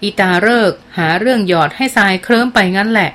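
A woman's voice: medium pitch, quick pace, fairly bright tone, lightly acted. A woman reading as a wary mother. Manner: dismissive, warning tone. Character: wary, cautious middle-aged mother.

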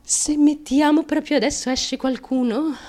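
Near tears, an actress voices a troubled young woman in a close, confessional radio theatre monologue that is crude, halting, nervous, and prone to sudden emotional swings. Her voice is high-pitched and darkish, with a steady tone.

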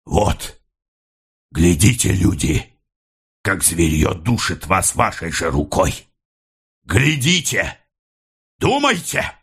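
A man reading an audiobook voices a stubborn, defiant peasant rebel who shouts heavy, accusing words. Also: deep voice, sing-song, takes it slowly, pauses often, husky, exaggerated voice.

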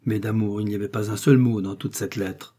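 A man narrating a classic novel as an audiobook in a measured storytelling manner. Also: fairly low pitch, steady tone, dark tone, slightly rough.

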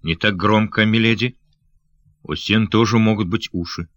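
A man voicing a brave, gallant male adventurer who speaks with courteous, steady reassurance. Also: on the low side, moderate pace, dry recording, muffled recording, lightly acted. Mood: reassuring.

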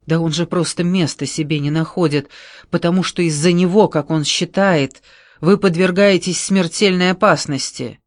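A man reading an audiobook, voicing a gentle, flustered giant of a man who speaks slowly and hesitantly. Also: on the high side, steady tone, no echo, studio quality, natural voice. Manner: slow, hesitant, breathless delivery.

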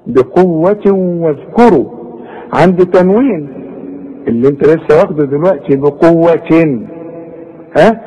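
A man's voice: a little high, warm tone, husky, highs cut off. Egyptian man coaching Quran recitation. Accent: Egyptian Arabic. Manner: models recitation slowly, syllable by syllable, in drawn-out demonstrations; direct, colloquial coaching aimed at the student. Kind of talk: Quran tajweed lesson.

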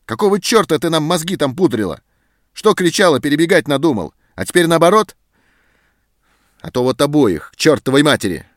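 A man voicing a short-tempered male army sergeant who talks in a harsh, scornful way, louder and higher than his narration. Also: animated, normal speed, no echo, clean studio sound, lightly acted. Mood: furious.

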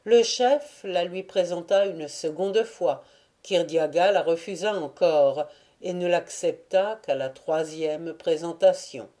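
A woman narrating a classic novel as an audiobook reader, in a measured, deliberate reading. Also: lowish voice, warm tone.

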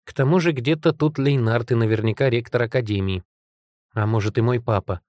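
A man reading a first-person fantasy novel aloud, with steady, even narration. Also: medium pitch, brisk, no room sound, studio quality. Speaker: audiobook reader. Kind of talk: scripted narration.

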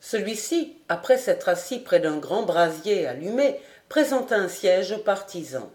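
A woman reading a historical novel aloud as an audiobook in measured narration. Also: lowish voice, big pitch swings, a little mellow, echoey room. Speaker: audiobook reader. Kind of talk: scripted narration.

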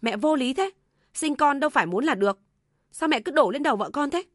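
A woman's voice: medium pitch, measured pace, vocal fry, a little mellow, no room sound, studio quality. A woman voicing a young husband torn between his mother and his wife, speaking with restraint. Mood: angry. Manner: restrained, then raising his voice.

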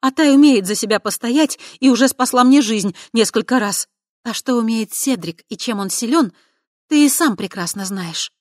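A narrator voices a proud young witch full of heated defiance, speaking in a mid-range voice with lively intonation at a normal speed. The delivery is pitched above the performer's own voice yet stays close to an everyday register. The recording is dry and clean, with studio quality.

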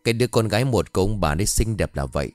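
A man's voice: on the low side, expressive, rapid-fire, darkish tone, no echo, soft background music, close to an everyday voice. A man doing a somber old villager. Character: older village man, sad storyteller.

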